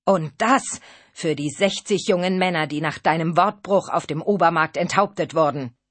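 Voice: medium pitch, moderate pace, dry recording, lightly acted. Vengeful young soldier in an audiobook, read by the narrator, bitter and hard. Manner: shouting, bitter. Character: vengeful young male soldier, grim and fierce. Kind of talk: audiobook reading.

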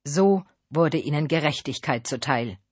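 A reader voicing a calm, laconic seasoned knight in an audiobook. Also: mid-range voice, unhurried, slightly rough, no echo. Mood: reassuring. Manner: laconic, steady. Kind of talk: audiobook reading.

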